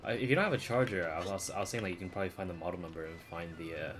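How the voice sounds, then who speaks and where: A deep-voiced man streams a game live, chatting casually in rapid-fire bursts. The background is noisy, with video game music and dialogue behind him.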